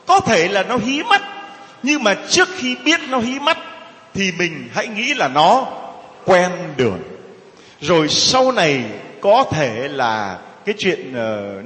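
Animated preaching man, echoey church. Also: sits high. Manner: lively, acts out petty gossips in mocking voices. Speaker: priest. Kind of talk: sermon.

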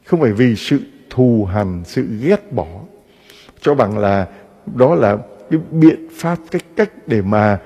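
Husky-voiced priest preaching in a reverberant church. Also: male voice, medium pitch, slow pace. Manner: animated preaching with rhetorical questions to the congregation. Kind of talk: sermon.

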